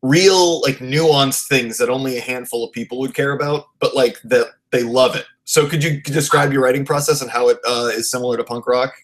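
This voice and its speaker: Late-twenties man, podcast host, rambling casual chatter with frequent laughs, mid pitch. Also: steady tone, a little fast, few pauses. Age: 20s. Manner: rambling, loose, laughs often. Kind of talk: casual interview chat.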